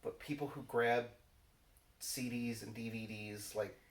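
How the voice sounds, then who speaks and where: A man chatting casually in a halting, understated way, picking out his phrases in measured pieces. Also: mid-range voice, fairly even intonation. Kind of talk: casual chat, Q&A. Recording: echoey room, distant mic.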